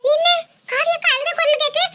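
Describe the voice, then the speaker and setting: A woman voicing a worried young girl in a cartoon, firing off anxious questions in a very high voice. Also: fairly even intonation, moderate pace, no echo. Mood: questioning. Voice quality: very high, bright. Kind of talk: cartoon voice acting.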